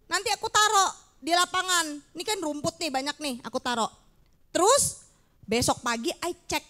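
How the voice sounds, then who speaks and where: A woman's voice: very high voice, normal speed, pushed and bright. A woman voicing a timid young man who doubts himself, pleading and hesitant as she tells a children's Bible story. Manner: hesitant, pleading, full of "masa sih".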